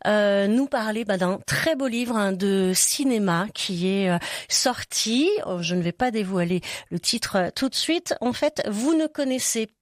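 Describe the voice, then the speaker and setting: A woman, a radio host introducing guests, halting and searching for her words. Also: medium pitch, animated, dry recording, clean studio sound.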